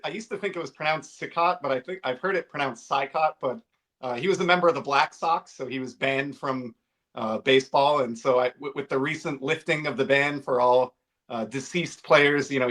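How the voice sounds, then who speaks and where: A man co-hosting a casual podcast, showing a card and describing it with many hesitant pauses. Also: medium pitch, a bit bright. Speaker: podcast co-host.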